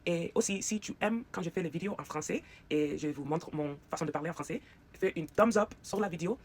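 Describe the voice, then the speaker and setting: A vlogger with an American accent and English as a first language, chatting casually in a get-ready-with-me video, halting and slipping English fillers into their talk. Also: medium pitch, slightly rough.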